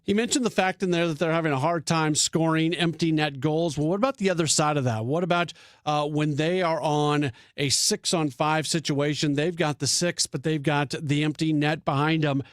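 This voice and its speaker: A man's voice: on the high side, steady tone, moderate pace, no room sound, studio quality. A man hosting sports radio talk, thinking aloud with frequent restarts and fillers.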